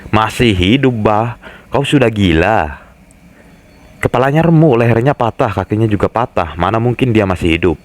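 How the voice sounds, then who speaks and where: A man's voice: fairly low pitch, expressive, normal speed, lightly acted. A man voicing a stern, dismissive male police officer, reading the game's dialogue aloud.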